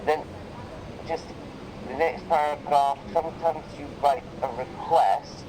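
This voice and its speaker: A man tutoring English one to one in a casual, explanatory way, softening his corrections with tentative phrasing. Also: fairly high pitch, fairly even intonation, unhurried, crowd noise, rough recording. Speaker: English teacher correcting writing.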